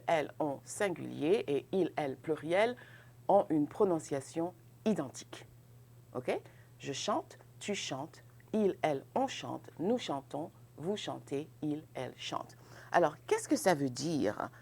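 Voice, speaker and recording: Slow, gravelly-voiced woman teaching French. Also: low voice, a little mellow. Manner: slow, patient, checks in with "n'est-ce pas" and "ok". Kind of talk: grammar lesson at a board, mixing French and English.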